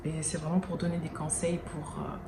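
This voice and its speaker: A woman's voice: low-pitched, little pitch movement. Earnest woman vlogging, roomy echo. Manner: earnest, halting, many restarts. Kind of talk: casual talk to camera. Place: indoors near an airport, daytime. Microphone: no external mic, camera mic. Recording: roomy echo, faint background noise. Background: planes and sirens passing.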